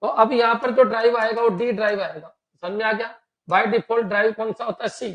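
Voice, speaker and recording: A man with a Rajasthani accent teaching a class in a high voice. He goes through each step patiently and keeps asking his students whether it is clear. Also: fairly even intonation, fairly quick, dull audio. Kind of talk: classroom lecture.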